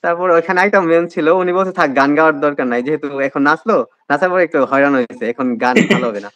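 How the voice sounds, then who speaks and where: A young man with a Bangladeshi Bengali accent rattles off a story at great speed, his voice slightly high. He fills gaps with hesitant sounds, and the recording is dry and a little dull. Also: a bit bright, no echo. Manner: fast, hesitant with many fillers. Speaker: admission candidate, guest. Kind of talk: casual interview storytelling.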